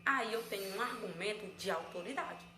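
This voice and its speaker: This teacher's voice is mid-range, bright and pushed, moving at a moderate pace. With a Brazilian Portuguese accent, she explains a review lesson one step at a time and answers questions she raises herself, recorded in an echoey room with slight ambient noise.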